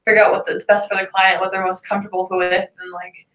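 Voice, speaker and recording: A woman's voice: medium pitch, level tone, brisk, a bit bright. A young woman, a student, talking casually with her group, chatty and full of fillers. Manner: chatty storyteller, many fillers. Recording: echoey room, recorded from a distance.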